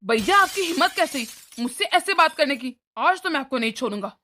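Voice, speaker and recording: A woman's voice: sits high, lively intonation, a little fast, pushed and bright, slight background noise. A woman voicing a hot-tempered younger brother in a cartoon story, indignant and threatening.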